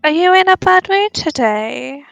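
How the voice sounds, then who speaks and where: Woman playing a high-voiced, cheerfully oblivious adventurer girl. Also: animated, measured pace, vocal fry, fairly bright tone, no echo, dull audio, soft background music, full character voice. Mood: eager, friendly. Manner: breezy, naive, rambling.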